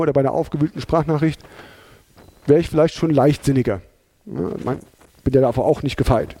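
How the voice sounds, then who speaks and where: Mellow-voiced man giving a chatty talk. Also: on the high side, no echo. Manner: chatty, many fillers and tag questions. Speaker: presenter. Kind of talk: conversational lecture.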